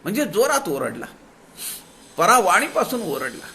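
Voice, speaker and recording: Lively, bright-voiced man giving a discourse. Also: high voice, a little hiss or hum. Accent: Marathi. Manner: slows to draw out quoted verses. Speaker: spiritual discourse speaker. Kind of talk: devotional discourse explaining scripture.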